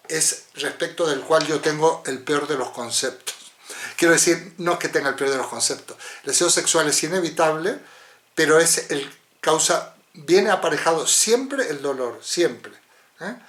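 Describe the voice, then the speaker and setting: A man's voice: on the high side, a bit bright. A man moderating a philosophy seminar over a video call, talking in a discursive way and often ending with tag questions. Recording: roomy echo.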